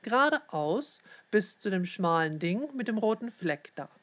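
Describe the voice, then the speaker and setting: A woman's voice: mid-range voice, big pitch swings, measured pace. A woman voicing a tall, clever schoolboy who is insistent and a little cheeky, in a storybook reading. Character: clever tall schoolboy Leon, confident know-it-all.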